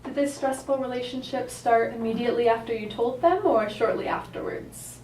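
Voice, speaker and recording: Calm woman counsellor in a roomy recording. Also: fairly high pitch, normal speed. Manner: calm, supportive therapist manner, affirming and gently questioning. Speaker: counsellor in a practice roleplay session. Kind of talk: counselling session conversation. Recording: roomy, distant mic, faint noise.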